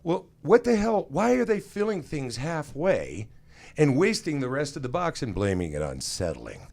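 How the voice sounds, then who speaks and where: A man's voice: a little high, wildly swooping pitch, normal speed, vocal fry, darkish tone. A man co-hosting a talk show, ranting in an exasperated, mocking way and laughing at his own jokes. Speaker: co-host. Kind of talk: casual comedic rant. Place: radio studio.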